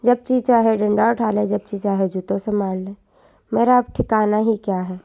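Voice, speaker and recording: Soft-spoken resigned young wife, voiced by a woman storyteller. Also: mid-range voice, fairly even intonation, gravelly, natural voice. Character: meek, mistreated young wife speaking softly. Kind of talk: storytelling narration.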